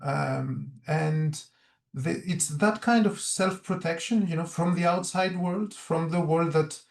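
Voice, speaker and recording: Halting, reflective man with a gravelly voice. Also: a little high, reverberant. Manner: earnest, reflective, many restarts. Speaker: researcher presenting findings. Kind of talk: webinar presentation.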